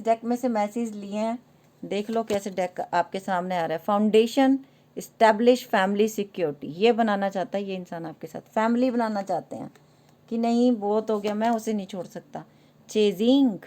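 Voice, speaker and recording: A woman's voice: mid-range voice, darkish tone. A woman giving an earnest, emphatic tarot reading to her viewers, mixing English card phrases into her talk. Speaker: tarot reader.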